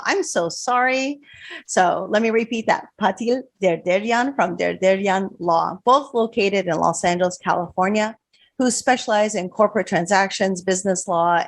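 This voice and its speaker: A woman co-hosts a podcast and introduces her guests in a friendly, informal way. Her voice sits at a middle pitch. She trips over a word now and then. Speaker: podcast co-host. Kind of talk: casual podcast interview.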